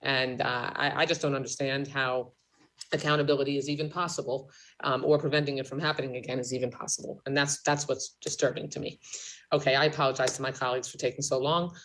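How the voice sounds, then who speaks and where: A woman politician chairing a legislative hearing, speaking formally in a halting, emphatic way that repeats key phrases. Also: a bass voice, flat delivery, rough recording. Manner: politician's measured, halting delivery with emphatic repetition.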